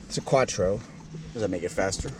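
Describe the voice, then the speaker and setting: A man's voice: low-pitched, fairly quick. A man vlogging, chatting casually and asking questions in and around a car. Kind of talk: casual chat. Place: car, outdoors. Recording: loud car and outdoor noise.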